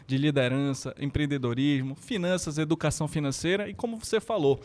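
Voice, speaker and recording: A man's voice: a little high, a little fast, a little mellow. A Brazilian man hosting a podcast, introducing and questioning his guest in a friendly, enthusiastic way. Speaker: podcast host. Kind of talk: casual podcast interview.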